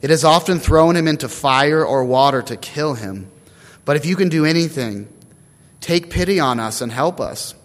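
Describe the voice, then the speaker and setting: A man's voice: a little high, moderate pace, big-room sound, natural voice. Man reading a desperate pleading father. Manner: read aloud plainly from scripture. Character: desperate middle-aged father pleading for his son.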